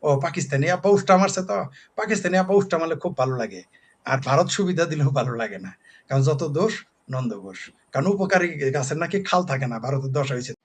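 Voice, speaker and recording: A man's voice: fairly high pitch, expressive, fairly quick, slightly rough. A man, a talk show guest giving heated, scornful political commentary with mocking lists.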